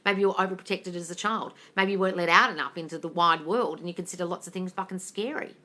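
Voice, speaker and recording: Over a phone livestream, an English woman working as a manifesting coach reads viewers' comments aloud and answers the live chat questions bluntly, calling people darling and swearing freely. Her voice is lowish, fast and sharp in tone, and the whole stream has a casual feel.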